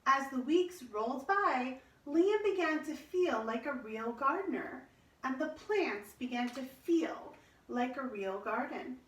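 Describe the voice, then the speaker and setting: A woman reading a children's storybook aloud in an expressive, measured storytelling manner. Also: high voice. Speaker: storybook reader. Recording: roomy echo, distant microphone.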